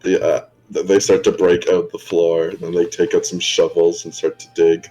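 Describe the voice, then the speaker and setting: Casting: deep-voiced male game master, casual, stumbling restarts, faint music underneath. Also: flat delivery, normal speed, mellow, low-quality recording. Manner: casual, stammering restarts, laughs often. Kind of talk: narrating a tabletop role-play game. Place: home room, live stream.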